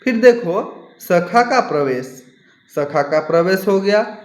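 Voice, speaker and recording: Male teacher for a kids' lesson, lively and questioning, raised voice, echoey room. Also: sits high, takes it slowly. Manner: animated, acts out lines, asks questions. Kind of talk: explaining a textbook play to children.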